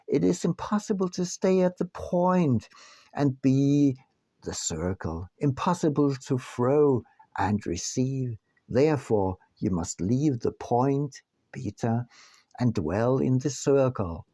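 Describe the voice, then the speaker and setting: A man reads his own book aloud as scripted narration, deliberate and measured with frequent pauses. His voice is mid-range and dark, and the recording is dry.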